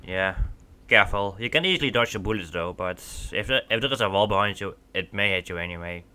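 Playing a shooter on his gaming channel, a young Dutch man rambles casually in English, which isn't his first language, restarting often and leaning on fillers. He speaks fast in a fairly low, bright voice with a forceful tone, and the sound is clean.

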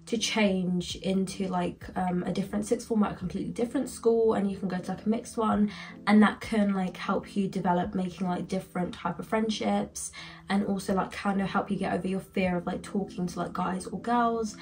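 Young woman, medium pitch with vocal fry, rambling casual storytime chat. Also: fairly even intonation, fairly quick, darkish tone. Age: young adult. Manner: rambling, heavy use of "like". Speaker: vlogger.

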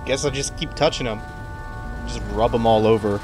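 A man's voice: mid-range voice, normal speed, over music. A man giving casual let's play commentary, musing and thinking aloud as he plays. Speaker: gamer commentating a playthrough.

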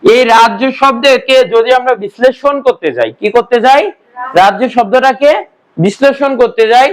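Male grammar teacher with a strikingly high voice; patient classroom lecturer who quizzes his students and answers himself. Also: moderate pace, low-quality recording. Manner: patient step-by-step explaining.

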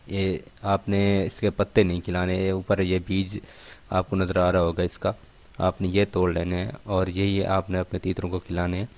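A man with a low, flat voice explains how he cares for his partridges in an instructional demonstration vlog. As a bird keeper, he speaks in a steady, explanatory way, repeatedly pointing things out to viewers.

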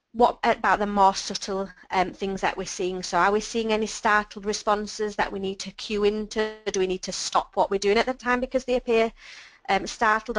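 A woman presenting a webinar on child speech and language, explaining patiently and clearly with simple examples. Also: medium pitch, no echo, poor audio.

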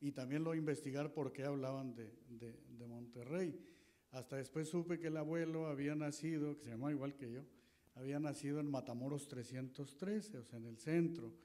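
A man's voice: medium pitch, moderate pace, dark tone. A middle-aged man from Coahuila, giving a rambling, folksy public history talk on an auditorium stage with a handheld mic. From northern Coahuila, Mexico. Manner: folksy, rambling, with many fillers and restarts. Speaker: guest historian speaker.

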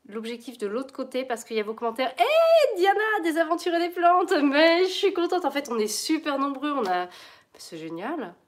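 A middle-aged woman hosting a casual plant live stream, chatty and bubbly, laughing often and greeting viewers as she goes. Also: fairly high pitch.

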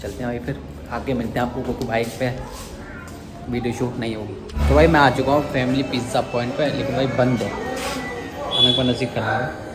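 एक युवक अपने रोज़ाना के व्लॉग में बात करता है। वह बातूनी है और दर्शकों को बार-बार भाई कहकर पुकारता है।. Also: male voice, medium pitch, steady tone, brisk, loud music behind the voice. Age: young adult. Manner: chatty, keeps calling viewers brother. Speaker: vlogger. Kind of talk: casual daily vlog. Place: rooftop outdoors and small home room. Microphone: handheld phone camera at arm's length.

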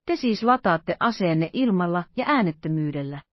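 A woman voicing a suave, mysterious male intruder who speaks with smooth, ironic courtesy in an audiobook. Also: lowish voice, expressive, dry recording, lo-fi sound. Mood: taunting.

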